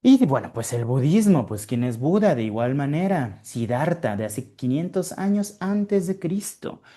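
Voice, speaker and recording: A man's voice: on the high side, big pitch swings, a little slow, mellow. A man presenting a webinar lecture, explaining in a conversational way with frequent fillers and tag questions, over a computer microphone. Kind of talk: informal online lecture.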